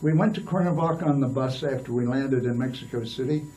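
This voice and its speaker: A man's voice: medium pitch, fast, warm tone, recorded from a distance, poor audio. An older man telling long stories as an interview guest, rambling with frequent restarts and fillers. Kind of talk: storytelling in a casual interview.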